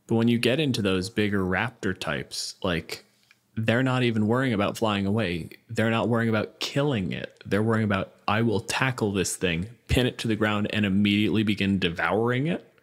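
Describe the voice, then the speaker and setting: A man with a lowish voice and moderate pace speaks as a panelist on a tabletop gaming podcast. He talks casually, explaining and arguing his points informally.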